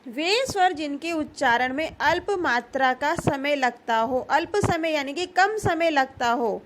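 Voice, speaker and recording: High-voiced woman teaching grammar. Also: animated, measured pace, a little hiss or hum. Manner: asks questions and answers them herself; repeats key terms patiently. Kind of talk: grammar lesson.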